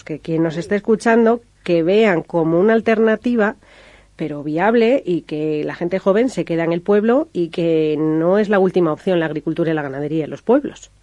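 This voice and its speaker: Female co-host, lowish warm voice, dry studio mic, measured delivery. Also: no echo. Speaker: radio co-host. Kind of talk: radio interview. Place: radio studio.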